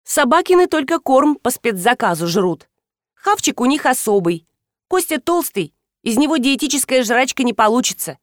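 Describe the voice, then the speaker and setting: A woman's voice: high-pitched, sing-song, moderate pace, dry recording, studio quality, voice pushed up. A woman reading an audiobook, voicing a cheeky young woman who jokes crudely in slang. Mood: teasing.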